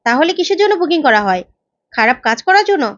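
A woman's voice: high voice, big pitch swings, quick pace, fairly bright tone, dull audio. Jagaddhatri, fierce investigator, read by a woman. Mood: firm. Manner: commanding, threatening retorts.

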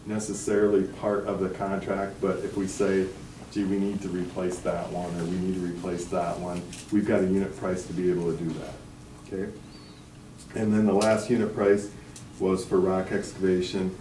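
Low flat-voiced man presenting to a board. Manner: steady, explanatory, reads figures aloud. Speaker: architect presenting bids. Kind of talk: formal presentation at a meeting. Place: meeting room, standing at front. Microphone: far camera. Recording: echoey room from far off, background hiss.

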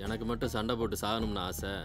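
A man playing a low-voiced scheming gangster. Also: flat delivery, quick pace, music in the background, close to an everyday voice. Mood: menacing. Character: scheming gangster pressing a politician.

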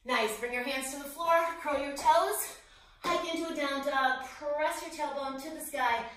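A breathless woman leads a workout, her high voice counting reps and cueing each move at an unhurried pace. She sounds distant from the mic in a very echoey room, with faint background noise. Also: fairly bright tone. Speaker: fitness instructor. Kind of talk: workout instruction.

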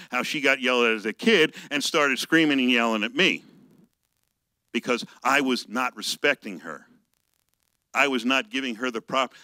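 A male pastor giving a conversational sermon, reading scripture slowly and telling personal stories. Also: mid-range voice, pushed and bright, no echo, poor audio.

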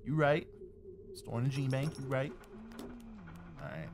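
A man talks through a video game with his friends in loose banter. His pitch swings around a lot as he jokes, curses and gets excited. Clear background noise sits under the recording. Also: measured pace. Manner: excitable, swearing, laughing often. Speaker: gamer playing on stream. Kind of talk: casual let's-play banter.

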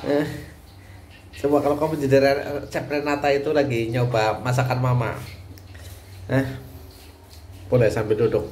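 A man's voice: medium pitch, little pitch movement, moderate pace, pauses often, darkish tone. A man filming his family in a home kitchen with a phone, chatting casually and teasing playfully. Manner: teasing, playful, laughs often. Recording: echoey room with background noise.

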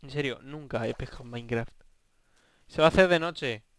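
A young gaming video host with a Spain Spanish accent does let's play commentary, excitable and swearing as he banters with the game's characters. His mid-range voice moves briskly, with no echo.

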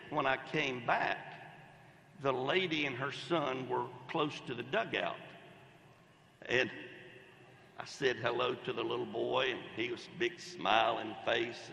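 A man's voice: medium pitch, creaky, sharp tone, slight background noise. An older man giving a folksy commencement speech at a podium, telling anecdotes. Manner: folksy, storytelling, Southern phrasing. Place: large outdoor commencement ceremony. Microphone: podium microphone. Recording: echoey reverberant venue sound.

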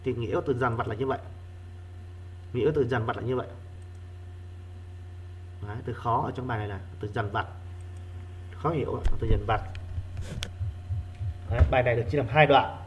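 A male primary school teacher giving an online reading lesson, repeating key words slowly for his pupils. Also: mid-range voice, muffled recording, slight background noise.

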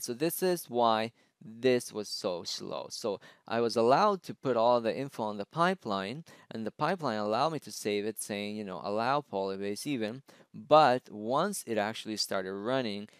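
Clear-voiced man explaining a tech screencast. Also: mid-range voice, no room sound. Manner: explanatory, frequent "right?" and "okay?" checks. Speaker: tech presenter. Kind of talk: screencast tutorial.

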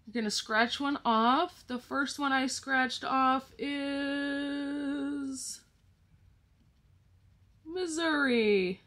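A woman's voice: sits high, extremely slow, fairly bright tone. A woman vlogging about her budget, explaining each step to viewers in a casual way and counting money aloud as she goes. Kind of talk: casual talk-through to the viewers.

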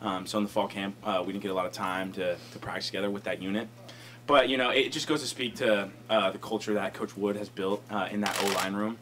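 A young man, a college football lineman, fields reporters' questions at a post-game press conference, speaking into a table microphone in an indoor press room. His voice sits on the low side with fairly even intonation and a slightly bright quality, and there's a bit of background noise. He talks fast and rambles, leaning on fillers like "you know" and "um."

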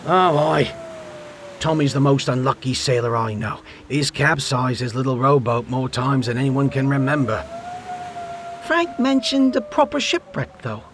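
Brief: male narrator putting on a gloomy old deckhand, very low and quiet, with a faint hiss behind. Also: lively intonation, measured pace. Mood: grim. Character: older male fisherman, grim and deep-voiced.

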